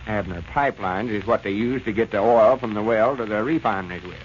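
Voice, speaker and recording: A man's voice: lowish voice, brisk, lightly acted. An actor playing a self-assured older Southern country businessman who explains things in a folksy way in a 1930s radio comedy. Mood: explaining. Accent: rural Southern US. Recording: muffled, noisy 1930s radio recording.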